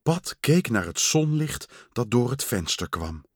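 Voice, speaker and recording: A man reading a children's story aloud in a slow, lively storytelling manner. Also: medium pitch, slightly rough, no room sound, clean studio sound. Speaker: storybook reader.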